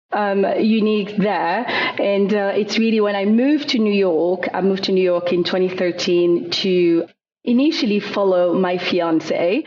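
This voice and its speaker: A woman's voice: fairly low pitch, darkish tone. A woman in her thirties with a French accent, speaking as an interview guest. She talks thoughtfully, with frequent fillers and repeated words. Her audio is a little dull, with faint background noise. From France. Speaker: guest, skincare founder. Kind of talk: conversational interview.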